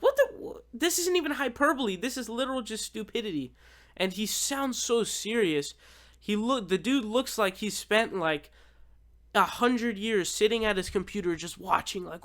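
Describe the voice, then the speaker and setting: A man with a fairly high, very clean voice gives off-the-cuff commentary. He is informal and swears freely, sounding exasperated and incredulous as he reacts. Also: fairly bright tone. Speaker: YouTube political commentator.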